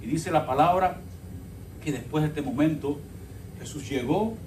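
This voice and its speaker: A man's voice: on the high side, moderate pace, a little mellow, slight background noise. A man preaching a sermon as pastor, telling the story dramatically and calling the congregation brothers. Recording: echoey church from far off.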